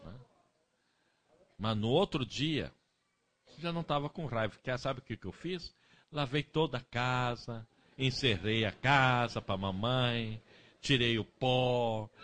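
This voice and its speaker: Animated bright-voiced male preacher. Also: medium pitch. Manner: folksy storytelling with acted quotes; frequent "né?" tag questions. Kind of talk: sermon.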